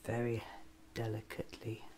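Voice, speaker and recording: A man in his thirties playing a whimsical, eccentric time-traveling doctor musing aloud in soft-spoken, deliberate ASMR roleplay. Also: on the low side, monotone, a little hiss or hum, lightly acted. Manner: deliberate, musing, often near whisper.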